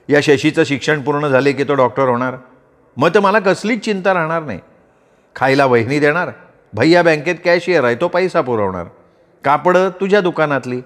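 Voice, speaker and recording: A man's voice: medium pitch, a bit bright, natural voice. A man voicing a witty, mischievous young man with political ambitions, in an audiobook story. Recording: roomy reverb.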